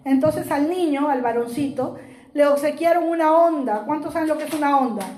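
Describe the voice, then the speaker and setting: High-voiced woman preaching, roomy echo. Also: a little fast, a little mellow. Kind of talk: sermon with storytelling.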